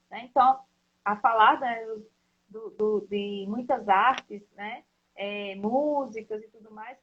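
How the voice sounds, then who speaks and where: A woman with a high, husky voice hosts a casual live discussion, explaining things at length. She leans heavily on "né?" and "então, assim" to check in, and the live stream audio sounds dull and lo-fi.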